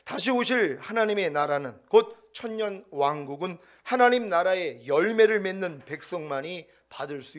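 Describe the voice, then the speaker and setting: Man, pastor, sermon, high-pitched voice, emphatic, repeats himself, rhetorical questions.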